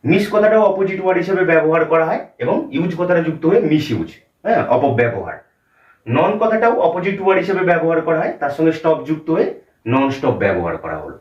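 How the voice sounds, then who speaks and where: A man with a Bengali accent teaches English grammar at a board, explaining step by step with fillers. His voice is a bit high and lively, and he moves quickly. The sound is roomy and dull, picked up by a mic some way off. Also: far from the mic. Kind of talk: whiteboard grammar lesson.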